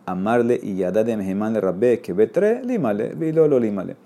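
A lowish, mellow, sing-song voice, a little fast, belongs to a man teaching Talmud. He reads the Aramaic, explains it in Spanish, and often checks with listeners by asking "¿ok?".

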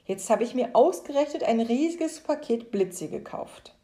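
A woman voicing an exasperated, grumbling grown man in a children's story, given to loud indignant outbursts. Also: fairly high pitch, animated, normal speed, voice pushed up, natural voice.

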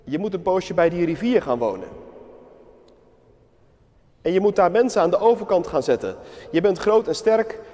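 A man's voice: high-pitched, animated, moderate pace, pauses often, warm tone. A man doing a wise old hermit in a ringing church. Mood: advising. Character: wise old male hermit giving advice. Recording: long church reverb.

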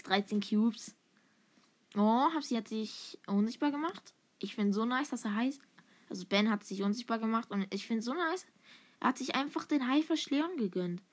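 A young woman streaming a mobile game, commenting live on the play and bursting into shouts and laughter at close moments. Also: a little high. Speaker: gaming streamer. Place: home room with vacuum cleaner in background.

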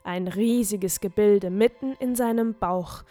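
A woman narrating a storybook in a calm, measured way. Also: medium pitch, no echo.

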